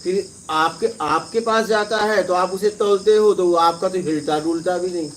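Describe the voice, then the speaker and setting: A man with a notably high-pitched voice gives a spiritual discourse in a relaxed, conversational way. He tells parables and keeps checking that his listeners follow, over a faint hiss of background noise. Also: normal speed. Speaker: spiritual teacher.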